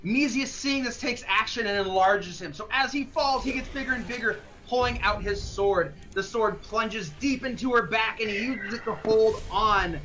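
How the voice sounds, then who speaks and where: Bright-voiced, quick dungeon master. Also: mid-range voice, a little hiss or hum, low-quality recording. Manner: quick, excitable, swears freely. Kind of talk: running a tabletop game.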